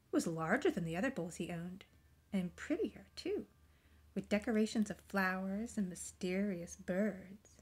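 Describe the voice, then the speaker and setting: A woman reading a children's picture book aloud, gentle and expressive, often dropping into soft whispers. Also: medium pitch, unhurried, slightly rough. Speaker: storybook reader.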